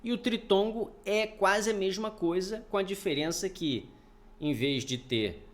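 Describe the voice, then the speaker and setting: A man's voice: high voice, unhurried. A man teaching a recorded grammar lesson, explaining step by step, often checking in with his students and sounding out words syllable by syllable. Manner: explanatory, repeats points, checks in with "tá?". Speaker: Portuguese teacher.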